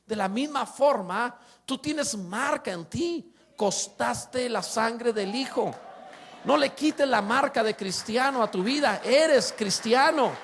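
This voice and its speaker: A middle-aged man preaches, his voice pitched high for a man. He moves between earnest appeals and playful asides, and keeps asking the congregation rhetorical questions. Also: slow pace, a bit bright, slight background noise. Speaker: pastor. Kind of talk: sermon.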